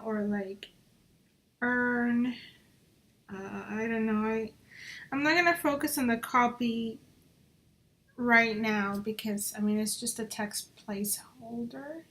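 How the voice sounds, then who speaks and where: A woman's voice: a little high, fairly bright tone. A woman talking through her design work on a screen recording, chatty and muttering to herself as she goes, slipping in Spanish phrases now and then. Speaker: job applicant.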